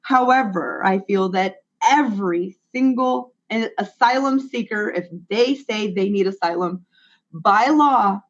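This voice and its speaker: A woman's voice: medium pitch, measured pace. A woman from the United States speaking earnestly in a casual online panel discussion, sometimes restarting mid-sentence. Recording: muffled web call audio.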